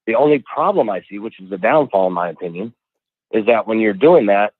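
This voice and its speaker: A man's voice: lowish voice, expressive, fairly quick, no echo. Male caller on a tinny phone line. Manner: chatty, enthusiastic. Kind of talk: casual call-in chat.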